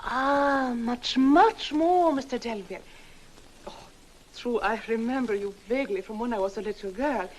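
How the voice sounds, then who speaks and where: A woman's voice: a little high, normal speed, lightly acted, poor audio. An actress playing a coy young Swedish woman. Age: 20s. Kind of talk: 1960s film acting.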